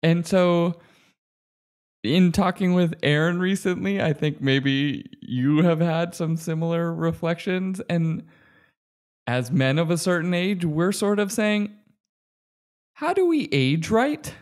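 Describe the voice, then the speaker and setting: A man in his late thirties hosts a relaxed podcast conversation with a fairly high voice for a man. He talks in a rambling way, restarting his sentences and breaking into laughs. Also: slow pace. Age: 30s. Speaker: podcast host. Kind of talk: casual podcast chat.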